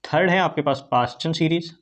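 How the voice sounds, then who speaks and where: Male teacher, quick and chatty lecture delivery, keeps asking and answering his own questions. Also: fairly high pitch, a bit bright. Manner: repetitive call-and-response questioning; fast, chatty explaining with Hindi-English mix. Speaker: chemistry teacher. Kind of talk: online classroom lecture.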